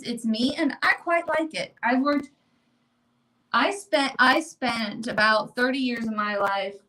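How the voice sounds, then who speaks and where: A woman's voice: on the high side, low-quality recording. A woman in her thirties chatting candidly and animatedly on a home livestream, talking at a mirror by a window. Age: 30s. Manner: candid and animated, talks over others. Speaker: livestream co-host. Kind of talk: casual livestream chat.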